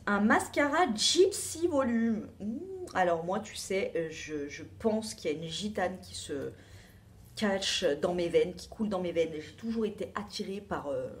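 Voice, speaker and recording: A woman with a French accent reviewing a beauty box in a casual, rambling chat full of asides and fillers. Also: medium pitch.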